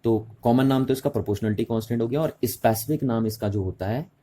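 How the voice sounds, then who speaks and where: Fast and warm, this mid-range male voice delivers a physics class that switches between Hindi and English. He goes over important terms more than once and makes sure the students are following along.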